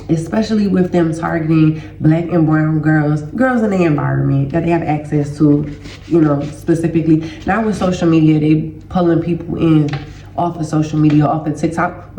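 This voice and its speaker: Speaking at a normal pace in a warm, deep voice, a woman hosts as a healing educator, talking loosely to viewers and addressing them as "y'all" despite a stuffy nose and sore throat. The room echoes, and there's a faint hiss or hum.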